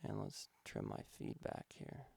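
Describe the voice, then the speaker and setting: A man's voice: a little slow, mellow, dry recording, clean studio sound. A man, a music producer, casually walking through his vocal mixing steps, thinking aloud with some fillers. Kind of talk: casual instructional walkthrough.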